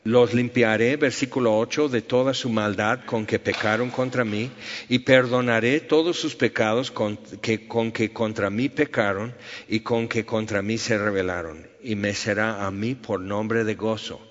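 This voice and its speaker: A man's voice: on the low side, steady tone, measured pace. A man preaching a sermon, reading scripture and telling stories with sound effects. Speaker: pastor. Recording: echoey hall, dull lo-fi sound.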